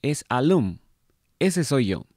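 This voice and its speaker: A man's voice: mid-range voice, sing-song, slow, a little mellow, no room sound, studio quality, voice pushed up. A man reading aloud and voicing a vain, jovial male spirit who was once a painter, with a teasing, playful lift in his speech. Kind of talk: read-aloud book dialogue.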